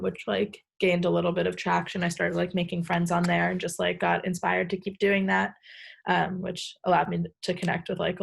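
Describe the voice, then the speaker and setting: A young woman from the United States introducing herself on a video call, hesitant with lots of ums. Her voice is low, husky and heavily gravelly, with a flat delivery. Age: 20s. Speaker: artist speaker. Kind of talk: casual self-introduction.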